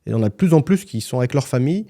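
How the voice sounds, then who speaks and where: A man's voice: mid-range voice, expressive, rapid-fire, dark tone. A man co-hosting a casual podcast conversation, talking frankly and colloquially, with many restarts. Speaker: podcast co-host, property agent.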